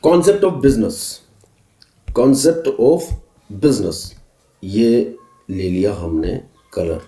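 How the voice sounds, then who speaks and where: Male commerce tutor, dark mellow tone, echoey room, brisk list-repeating delivery. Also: lowish voice, lively intonation. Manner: mixes English terms into Hindi explanations, addresses students as children; brisk, repeats key terms as lists. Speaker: commerce teacher. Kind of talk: recorded class lesson.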